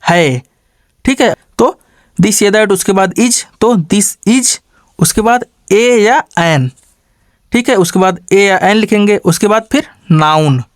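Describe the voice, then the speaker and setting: A man teaching an English grammar lesson. He asks questions and answers them himself, adds a quick "okay" after every step, and slows down to spell out example sentences word by word. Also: high-pitched, lively intonation, dry recording, clean studio sound.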